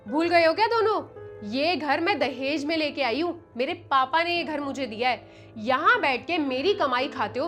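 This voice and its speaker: A woman's voice: high-pitched, a bit bright. A young woman playing a rude, bossy daughter-in-law who insults and orders her in-laws around in a family skit. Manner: insulting, commanding.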